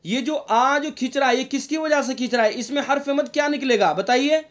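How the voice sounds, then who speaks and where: A high-pitched man leads an online tajweed lesson as a Quran recitation teacher. He talks patiently, repeats each rule, quizzes his students and stretches out the recited examples. His voice comes through muffled, lo-fi video call audio. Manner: draws out recited examples slowly.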